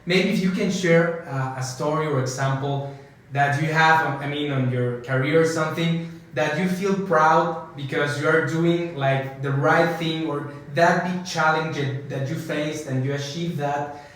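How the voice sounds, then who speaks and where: Podcast host guy, fairly high voice, thanks the guest, rewords his questions, super echoey. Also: unhurried, a bit bright. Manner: appreciative, rephrases his questions. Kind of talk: interview questions. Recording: very echoey room.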